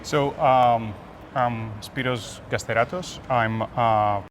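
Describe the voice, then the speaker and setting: As an interview guest, an application security expert from Greece gives conversational answers in a Greek accent, his tone steady and his pitch medium. He breaks between phrases while explaining, and city noise is clearly audible behind him.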